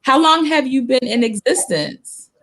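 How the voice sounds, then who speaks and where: A woman's voice: sits high, measured pace, a bit bright. A woman hosting a casual interview over a video call, chatty and giggly, often laughing between her words. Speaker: host.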